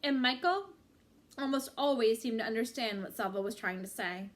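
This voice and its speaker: A woman with a slightly high voice reads a book chapter aloud. Her storytelling is measured and expressive, with drawn-out phrases.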